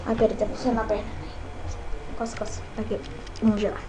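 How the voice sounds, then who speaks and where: A woman with a Brazilian Portuguese accent, excitedly commentating her own gameplay, cursing and shrieking at every scare. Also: mid-range voice, quick pace, noisy background. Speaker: gameplay channel host.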